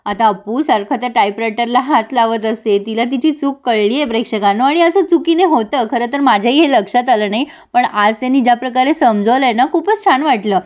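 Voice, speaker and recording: A woman with a high voice retells a TV serial episode in a casual, chatty way. She drops into the characters' lines with feeling as she goes.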